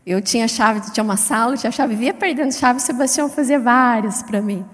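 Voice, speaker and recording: High-voiced woman preaching in a hall. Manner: lively, chatty, wide swings in pitch and loudness; self-described fast-paced. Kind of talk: sermon. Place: church hall. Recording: long hall reverb.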